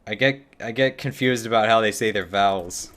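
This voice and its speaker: While streaming a game, a man chats casually about it, reads chat, and rambles in a self-mocking way. His voice is on the low side and a bit bright, at normal speed.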